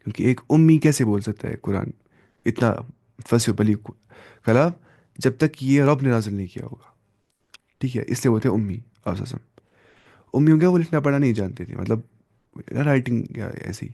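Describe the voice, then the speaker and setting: A man's voice: medium pitch, lively intonation, gravelly, pauses often, warm tone, no echo. A man teaches Quran recitation rules in an online lesson. He often poses a question to his students and answers it himself, slipping in English terms. His mid-range voice is recorded close and dry, with no room sound.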